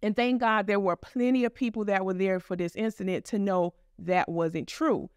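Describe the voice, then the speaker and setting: Smooth-voiced woman telling a blunt story. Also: mid-range voice, normal speed, no echo, clean studio sound. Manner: blunt, profane, animated retelling. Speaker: podcast host. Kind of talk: casual storytelling.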